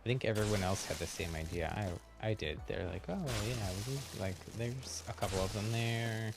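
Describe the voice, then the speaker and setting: Loud game music backs a man whose lowish voice sounds creaky and moves at an ordinary pace. Livestreaming a game, he offers easygoing commentary, musing aloud in a mild manner.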